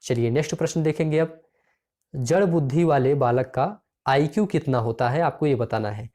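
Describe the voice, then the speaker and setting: Mellow-voiced male exam-prep teacher. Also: mid-range voice, normal speed. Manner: reads out questions and options, then repeats the answer; addresses listeners as friends.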